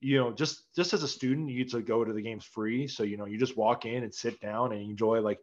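A man's voice: mid-range voice, steady tone, fairly quick. Casting: young man, podcast host, easygoing rambler, slightly muffled lo-fi sound. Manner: laid-back, filler-heavy rambling. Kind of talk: casual sports chat. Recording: slightly dull lo-fi audio.

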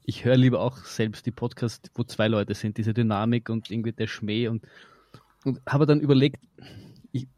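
A man's voice: medium pitch, steady tone, moderate pace, warm tone, no echo, studio quality. A man with an Austrian accent telling stories in casual chat as a podcast guest, with a wry, joking manner.

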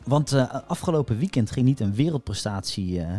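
A man's voice: medium pitch, lively intonation, a little fast, dark tone, soft background music. A man co-hosting a casual talk show, explaining things with many hesitations and fillers. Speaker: podcast co-host, voice expert. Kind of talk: casual discussion.

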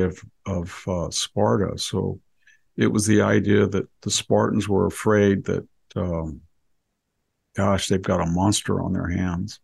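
A man with a very gravelly, husky voice talks as a history scholar would in conversation. He is erudite and emphatic, wandering into asides as he explains. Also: on the low side, a little mellow. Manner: erudite, emphatic, digressive, acts out imagined dialogue. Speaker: historian guest.

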